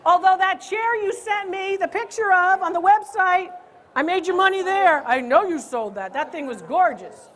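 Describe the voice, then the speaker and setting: A woman who appraises antiques and hosts a comedy show, teasing and ribbing her audience loudly and playfully on a live stage. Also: extremely high pitch, expressive, moderate pace, some chatter behind. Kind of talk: live stand-up style crowd banter.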